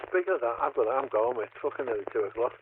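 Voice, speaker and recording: A man's voice: medium pitch, animated, racing. A man chatting over a CB radio, ranting and swearing heavily. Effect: heard over a CB radio. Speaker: CB radio caller. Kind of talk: casual chat. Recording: tinny CB radio with faint static.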